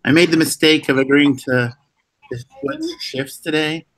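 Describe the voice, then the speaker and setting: A man with a slightly raised pitch hosting a laid-back live stream with friends. He talks in an easygoing way, pausing on fillers and restarting sentences. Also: big pitch swings, fairly bright tone, no echo. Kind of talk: casual chat.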